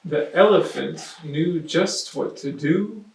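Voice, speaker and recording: A man reading a children's picture book aloud at storytime and describing the pictures in an animated way, recorded in a roomy space from a distance with faint noise. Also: on the high side, slow pace, vocal fry. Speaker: storytime reader.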